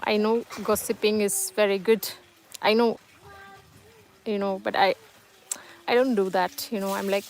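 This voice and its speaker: Streaming from home, this host, a woman whose first language is Tamil, works through viewer comments in a loose live-chat monologue, reassuring yet hesitant, with plenty of fillers and false starts. Her pitch is medium and her tone darkish. The low-quality recording carries a little hiss or hum.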